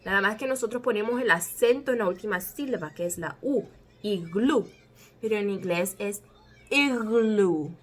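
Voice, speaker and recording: A woman whose first language is Spanish, teaching English letter sounds and carefully spelling out each word. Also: mid-range voice. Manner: slow, careful, drawn-out spelling.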